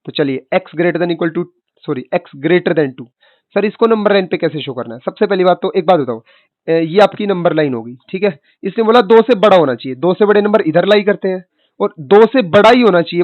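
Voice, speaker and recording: A high-pitched man gives an online maths lecture in a chatty manner, addressing students as kid and boss. He voices the students' questions and answers them, in a dry recording with a tinny, phone-like sound.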